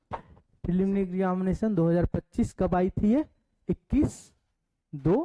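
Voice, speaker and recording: A man's voice: high voice, mellow, poor audio. A man with an Indian accent teaching an online demo class, explaining step by step and asking the class questions. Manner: reads syllabus points aloud slowly in English.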